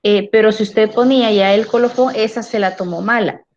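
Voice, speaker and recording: A woman's voice: mid-range voice, steady tone, a little fast, darkish tone. A woman teaching a philosophy class. She often checks in with tag questions and repeats words while she gathers her thoughts. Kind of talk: class lecture. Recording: dull lo-fi recording.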